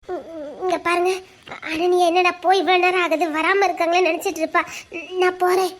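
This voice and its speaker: A woman voicing a very high, coy young woman. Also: flat delivery, fairly quick. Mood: shy. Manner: soft, coy and protesting. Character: shy, spirited young woman working for him. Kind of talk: Tamil audio drama acting.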